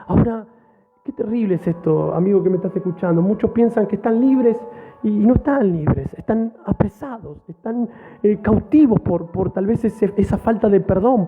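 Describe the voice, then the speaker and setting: A man with a very high voice preaches with fervor, hammering home each point through repetition. He keeps turning to speak directly to whoever is listening. The sound is thin and tinny, like a phone line. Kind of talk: sermon.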